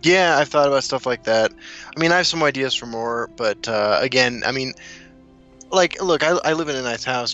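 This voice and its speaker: In casual podcast chat, a man with a mid-range voice tells rambling stories and laughs often, relaxed throughout; the recording has its highs cut off. He's from South Dakota but grew up in Kansas City.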